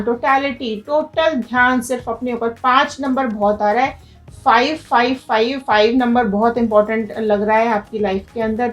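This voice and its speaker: A woman doing a tarot reading, urging viewers in a direct, motivational way. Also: fairly high pitch. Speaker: tarot reader.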